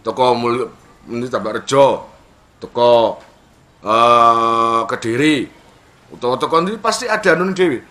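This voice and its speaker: A man's voice: medium pitch, unhurried, pauses often. A man giving a humorous religious talk, acting out characters and laughing often. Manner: animated storytelling, acts out characters and laughs often. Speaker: preacher.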